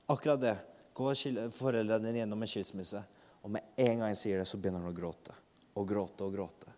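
A man telling a lively testimony as a sermon, acting out the people he quotes. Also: mid-range voice. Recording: long hall reverb.

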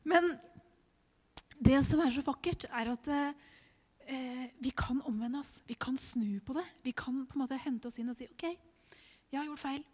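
A woman's voice: sits high, a little mellow. A middle-aged woman preaching a personal testimony, emotional, laughing through tears and dropping to whispers. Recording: hall reverb.

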